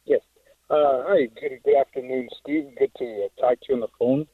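A man's voice: medium pitch, big pitch swings, vocal fry, breathy edge, dry recording. Hesitant male caller on a tinny phone line. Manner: hesitant, halting, many fillers. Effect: heard over a phone line. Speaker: radio show caller. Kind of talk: call-in question.

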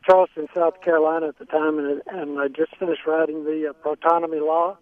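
A man's voice: a little high, level tone, a little fast, no room sound. A male caller to a radio show, heard over a phone line, hesitant and full of ums and restarts. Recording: tinny dry phone line.

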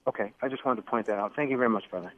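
A man's voice: on the low side, rapid-fire. A male caller on a radio show, heard over a phone line, eager and repeating words as he starts.

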